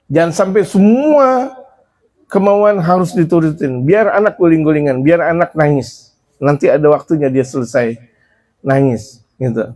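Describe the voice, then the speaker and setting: A man preaching on a religious book, switching between Arabic recitation and lively, chatty explanation. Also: fairly high pitch. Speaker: Islamic preacher. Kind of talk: sermon teaching a religious book.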